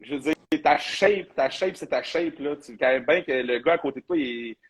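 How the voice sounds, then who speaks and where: A man's voice: medium pitch, moderate pace, husky, low-quality recording. A man with a Quebec French accent, a bodybuilding coach hosting a casual live chat in a loose, talkative way, sprinkling in English slang.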